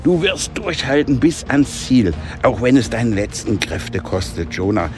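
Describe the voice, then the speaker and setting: A man voicing a decisive, brisk teenage girl in a storybook adventure. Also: mid-range voice, lively intonation, pitched above the performer's own voice. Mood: encouraging. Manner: commanding, brisk.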